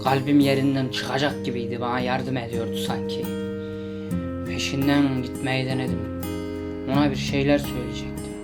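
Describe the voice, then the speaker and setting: A man hosts a gaming video with casual, slangy commentary, playful exclamations, and improvised role-play. His mid-range voice has a flat delivery at a normal speed, and loud plucked-string game music plays in the background.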